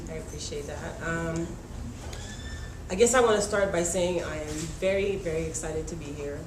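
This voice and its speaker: A woman's voice: low voice, normal speed. A young woman from Haiti, whose first language is Haitian Creole, telling personal stories to a panel audience in a chatty way, with many ums and small laughs. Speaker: panel speaker. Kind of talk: personal talk at a public forum. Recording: echoey room with background noise.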